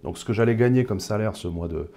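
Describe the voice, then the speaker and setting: A fairly low, mellow male voice talks fast. He is in his thirties, from the suburbs of Paris, speaking casually as an interview guest with a thoughtful manner and many hesitations and fillers.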